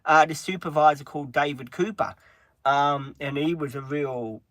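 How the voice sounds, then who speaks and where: A man's voice: on the high side, normal speed, fairly bright tone, dry recording. An Australian man hosting a livestream, telling a long story in a casual, rambling way, with many restarts and filler words. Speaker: livestream host.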